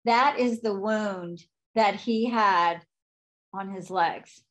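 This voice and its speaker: A woman's voice: medium pitch, slow. A woman interviewer who reacts to her guest's story with emphatic sympathy.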